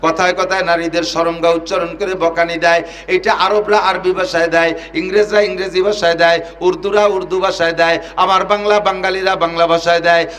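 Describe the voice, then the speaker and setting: A man preaching a Bengali waz sermon with a Bangladeshi accent, telling scenes dramatically, rising to shouts and chanting Arabic verses. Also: flat delivery, fairly quick. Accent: Bangladeshi Bengali, Gopalganj region. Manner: dramatic, swings between low storytelling and high shouting, chanted Arabic.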